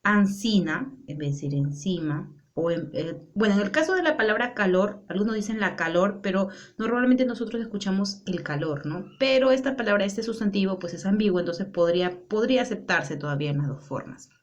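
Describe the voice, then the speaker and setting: A woman teaching a class. She explains patiently and keeps checking in with her students through short rhetorical questions. Her voice sits at an ordinary middle pitch. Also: a little fast, hardly any pauses, lo-fi sound. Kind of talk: classroom lesson.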